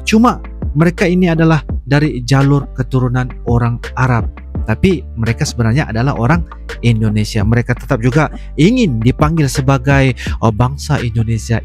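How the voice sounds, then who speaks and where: A man's voice: medium pitch, a little mellow. A man giving wordy, repetitive, casual reaction commentary as a video host. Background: music.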